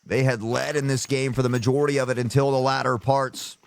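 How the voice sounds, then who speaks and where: A male esports caster calls play-by-play in a brisk, flat mid-range voice with vocal fry and a slightly sore throat, erupting into loud shouts on big plays.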